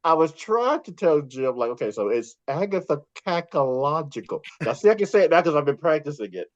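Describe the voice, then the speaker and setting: A man's voice: a little high, big pitch swings, fast, no room sound. Chatty man, slightly muffled dry sound. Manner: chatty, laughs often, acts out quotes. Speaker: podcast guest. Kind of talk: casual storytelling chat.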